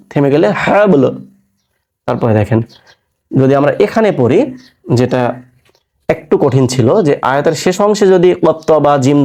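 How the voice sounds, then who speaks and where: A man teaching Quran recitation rules in a patient classroom lesson, spelling out syllables, asking his listeners questions and chanting words slowly. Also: mid-range voice, mellow. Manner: patient, repeats syllables and asks rhetorical questions.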